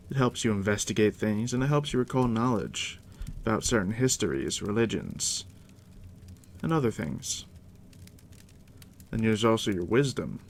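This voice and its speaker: A man plays a game master in an ASMR roleplay, explaining tabletop game rules directly to the listener in a soft, hushed, gravelly, fairly low voice. He's unhurried and conversational, with steady background noise from a crackling fire.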